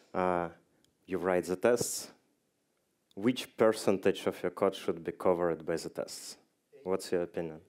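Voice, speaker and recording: A man's voice: deep voice, a little mellow. A man giving a conference talk, joking dryly and quizzing the audience. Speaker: conference speaker. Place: conference hall stage.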